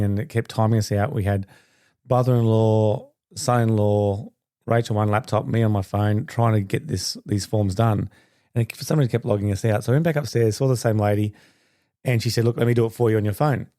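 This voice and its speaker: A middle-aged man tells a story in a loose, rambling, chatty way, often restarting his sentences. His voice is low and gravelly, with a dark, mellow tone. The recording is dry and close. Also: no room sound. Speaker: podcast host. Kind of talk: casual storytelling monologue.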